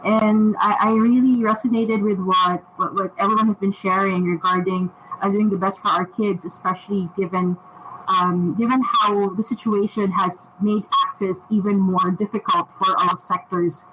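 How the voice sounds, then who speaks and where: A woman teacher joins a live-streamed interview over a video call, her voice bright and forceful. She speaks with animated enthusiasm, and a faint background hiss sits behind her. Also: mid-range voice, moderate pace, rough recording. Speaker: teacher and guest.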